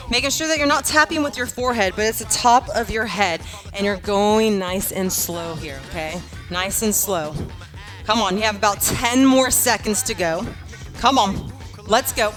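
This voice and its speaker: A woman coaching a workout like an aerobics instructor, cueing moves and counting in a casual, encouraging, urging way. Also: medium pitch. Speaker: fitness instructor leading a home workout class.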